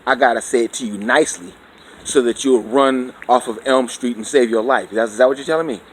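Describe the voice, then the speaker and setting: A man's voice: mid-range voice, brisk, a little hiss or hum. A man giving a preachy, conversational opinion monologue, constantly checking in with his listener. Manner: preachy and conversational, keeps asking "you know what I'm saying". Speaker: vlogger.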